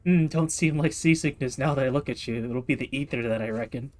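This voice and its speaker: A man voicing a gruff, nosy seafaring merchant in a folksy drawl while reading game dialogue aloud. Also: medium pitch, fairly quick, darkish tone, close to an everyday voice. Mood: wry. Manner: folksy, drawling sailor talk.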